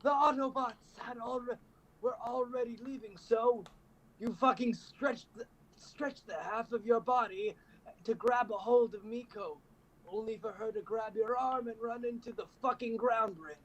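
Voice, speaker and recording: Male co-host, high-pitched, unhurried, sardonic comic narrator, light noise. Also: steady tone, low-quality recording. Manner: wry, swears casually, adds sarcastic asides. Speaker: co-host reading fan fiction. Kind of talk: comedic dramatic reading.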